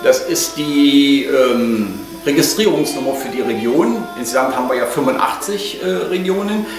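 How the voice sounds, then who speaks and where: With an animated, mid-range voice at a moderate pace, an older man talks casually through a home cooking vlog, hesitating often. He's on a lapel mic in an echoey kitchen, sounding as if the mic is at a distance, with music playing in the background.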